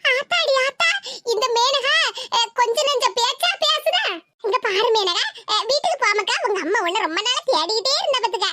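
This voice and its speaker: A woman voicing a sharp-tongued, teasing village woman in a cartoon, with a Tirunelveli Tamil accent. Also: very high voice, lively intonation, moderate pace, noisy background. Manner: teasing, mocking, laughs often.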